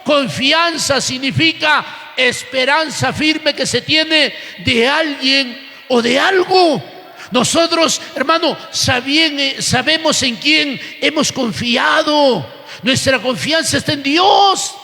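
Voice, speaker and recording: Fervent preacher man, high gravelly tone, shouting sermon in a reverberant church. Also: expressive, takes it slowly. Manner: fervent, often shouting, repeated calls of "hermano". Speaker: pastor. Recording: echoey church hall.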